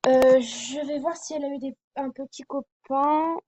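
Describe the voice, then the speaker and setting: A woman's voice: high voice, fairly even intonation, moderate pace, mellow. A young woman presenting a TV series to her viewers in a casual fan vlog, hesitant and full of fillers and apologies. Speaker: fan vlogger.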